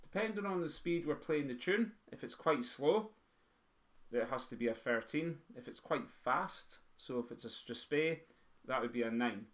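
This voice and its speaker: A man's voice: medium pitch, expressive, normal speed, fairly bright tone. A man teaching pipe band drummers to write music, counting beats aloud and singing the rhythms in drum syllables. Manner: sings drum rhythms in vocables; quizzes the students. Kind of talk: teaching a music theory lesson.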